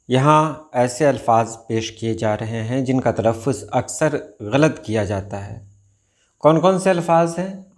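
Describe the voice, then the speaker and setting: A man from India teaches a pronunciation lesson at an unhurried pace. He sets each word against its correction and repeats it with care. His voice sits at an ordinary middle pitch. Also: a little mellow. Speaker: Urdu teacher.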